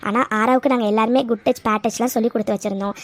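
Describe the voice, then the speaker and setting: A woman's voice: fairly high pitch, fairly even intonation, rapid-fire, no echo, close to an everyday voice. A woman voicing a young woman in a cartoon who retells a story to a friend. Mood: calm.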